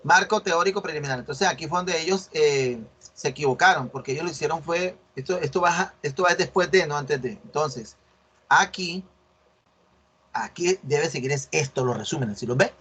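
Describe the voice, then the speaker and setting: This man has a husky, fairly bright voice with fairly high pitch and a moderate pace. A university teacher, he explains a research assignment in an online class, correcting students and frequently asking "¿sí ven?" to confirm they follow.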